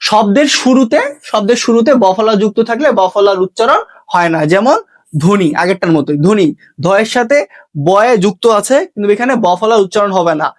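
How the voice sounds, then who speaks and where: A man's voice: sits high, animated, a little fast. Man teaching a patient lesson. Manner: patient, repeats each rule and checks in with "okay?". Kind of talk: online exam-prep lesson.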